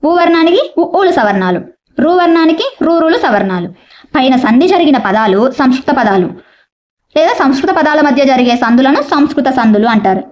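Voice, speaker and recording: A woman teacher, explaining a grammar lesson and slowly repeating examples. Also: sits high, darkish tone, highs cut off. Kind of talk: exam-prep grammar lesson.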